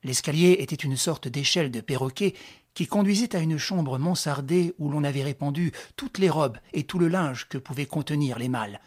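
A reader narrating a classic novel as an audiobook, in even, measured storytelling. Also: medium pitch, slightly rough.

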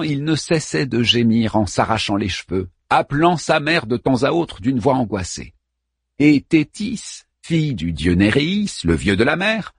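A man narrating an epic tale in dramatic, expressive audiobook style. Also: medium pitch, creaky, husky, no echo, clean studio sound.

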